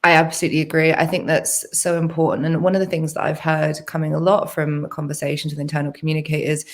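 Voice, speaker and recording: A woman's voice: deep voice, little pitch movement, fast talker. A woman hosting a conversational interview, agreeable and informal in how she responds and asks questions. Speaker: interviewer, host.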